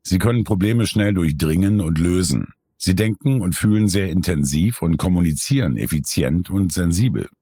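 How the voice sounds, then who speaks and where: A man reading a scripted nonfiction summary in a calm, measured way. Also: sits low, slightly rough, no room sound. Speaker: narrator.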